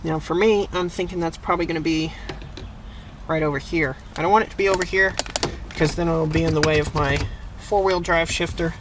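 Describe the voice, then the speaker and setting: Working inside a parked vehicle, or beside it, the host of a how-to video channel talks through each step and thinks aloud in casual hands-on tutorial narration. He speaks fairly quickly in a fairly high voice with fairly even intonation, over a noisy background.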